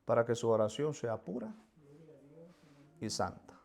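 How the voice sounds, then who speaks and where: A man's voice: mid-range voice, very animated, unhurried, gravelly, a little mellow. A man preaching a sermon with fervor, voicing pleading prayers and often repeating words.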